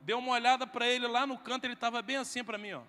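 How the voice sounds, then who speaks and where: A man's voice: very high voice, fairly even intonation, rapid-fire, bright, forceful tone. A man with a Brazilian Portuguese accent preaching at a men's congress, telling a funny story and acting out every line of dialogue. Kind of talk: humorous sermon storytelling. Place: large hall at a men's congress. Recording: reverberant hall with faint music.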